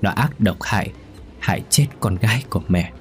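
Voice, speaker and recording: A man's voice: sits low, moderate pace, a little mellow, lightly acted. A man voicing the ghost of an old mother in a spoken ghost story, tender and pleading. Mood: sorrowful.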